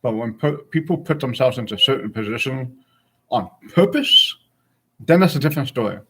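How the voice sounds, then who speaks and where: A man's voice: mid-range voice, animated, normal speed, sharp tone, slightly rough. A man of forty chatting casually and frankly with his stream viewers, rambling from thought to thought. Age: 40s.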